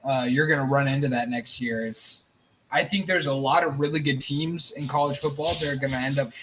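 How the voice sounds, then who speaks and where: Rambling, excitable male host for casual live sports chat. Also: mid-range voice, fairly quick, background noise. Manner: rambling, excitable, swears, nervous energy.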